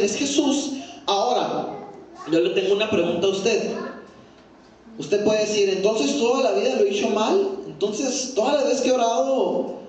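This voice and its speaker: A man teaching a Sunday school Bible class, often checking in with listeners with a quick "¿sí?" and putting questions to the class. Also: high-pitched. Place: echoey church room. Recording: very echoey room from far off.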